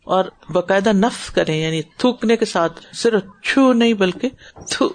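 A woman's voice: medium pitch, a little hiss or hum. Earnest woman teaching a class. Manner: earnest, advising, mixes English words into Urdu. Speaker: religious teacher. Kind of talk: teaching a class, answering questions.

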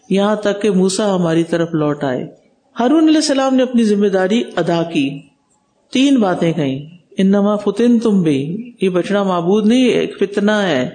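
A man's voice: high-pitched, a little mellow. A male preacher giving a Quran commentary, reciting Arabic verses and explaining them with emphasis.

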